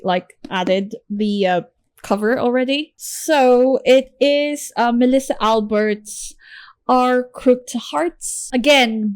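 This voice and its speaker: A woman's voice: on the high side, clear, resonant tone, no echo. A woman chatting casually in a book haul video, chirpy, with playful asides and exclamations. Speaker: book vlogger showing a book haul.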